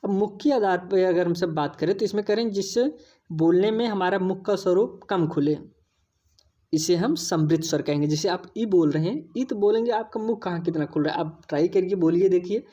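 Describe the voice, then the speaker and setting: A woman's voice: lowish voice, warm tone, lo-fi sound. A woman teaching an exam-prep lesson, explaining patiently, repeating key points and addressing viewers as friends.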